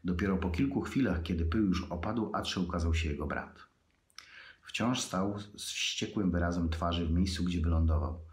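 A man, an author, reading his own fantasy prose aloud in a measured, unhurried way with pauses. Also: deep voice. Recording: echoey room.

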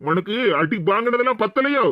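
A man's voice: very high-pitched, lively intonation, fairly quick, dry recording. A man voicing a bossy cartoon husband. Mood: commanding. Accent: southern Tamil Nadu. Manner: gruff, commanding. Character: bossy older husband and father-in-law turned stern. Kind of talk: cartoon voice acting. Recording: dull, dry lo-fi sound.

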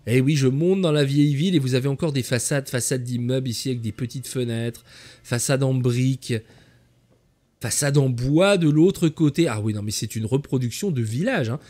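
A man's voice: mid-range voice, moderate pace, a little mellow. A man hosting a video game tour, chatting enthusiastically and calling his viewers "the kids" as he walks through a player's build. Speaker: host of a game channel.

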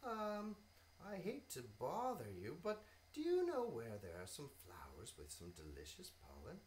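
A woman voicing a small, hungry, polite bee with a squeaky, excitable voice for children. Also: unhurried, slight background noise, exaggerated voice. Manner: squeaky, excited, shrill when shocked.

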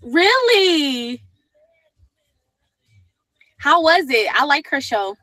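A woman's voice: sits high, big pitch swings, very slow, pushed and bright, dry recording. A woman hosting a casual livestream chat, laughing often and calling viewers "my love". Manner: laughs often, affectionate, calls people "my love". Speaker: livestream host.

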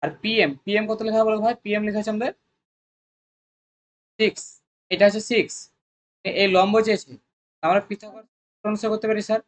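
Coaching-centre math tutor, mid pitch, rapid, drills students with constant questions. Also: flat delivery. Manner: coaxing, repetitive. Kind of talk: exam-prep math lesson.

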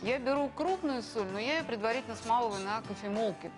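A woman's voice: a little high, lively intonation, fast, over music. A middle-aged woman explaining her views as a guest on a TV studio talk show. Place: TV studio with audience.

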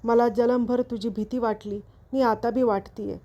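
A woman's voice: on the high side, steady tone, normal speed, dark tone, muffled recording, natural voice. A woman reading a novel aloud, voicing an anxious, fearful village mother who speaks in a rural dialect.

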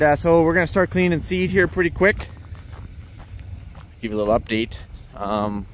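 A man's voice: a little high, a bit bright, slight background noise. A man vlogging around his farm, chatting casually as he explains his equipment and chores. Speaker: farmer vlogger. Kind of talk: casual walk-through vlog. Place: outdoors on a farm yard beside machinery.

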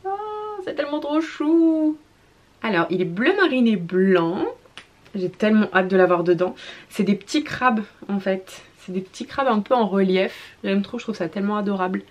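A young woman, a mother, chatting casually in a haul vlog, gushing about baby clothes and often repeating words and filling pauses with "euh". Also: mid-range voice.

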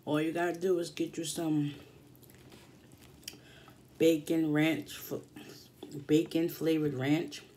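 A middle-aged woman talks casually through a mukbang meal in a low, mellow voice. She speaks between mouthfuls at an unhurried, slow pace, with savoring hums along the way. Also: flat delivery. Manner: talking while eating, savoring hums between phrases. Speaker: mukbang vlogger. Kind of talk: casual mukbang eating-show chat. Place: small indoor room at home. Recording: faint household background noise.

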